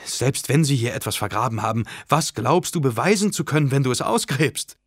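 A man's voice: lowish voice, a little slow, husky, no room sound, studio quality. A man reading an audiobook, voicing a brave, protective young village woman in a raised, firm voice. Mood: exasperated.

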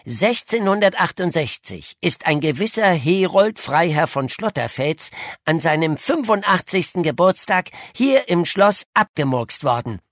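In a clean studio recording with no room sound, a woman with a fairly low, very animated voice reads audiobook dialogue at a measured pace. She voices a clever, boastful young boy who tells his story eagerly and with plenty of self-assurance.

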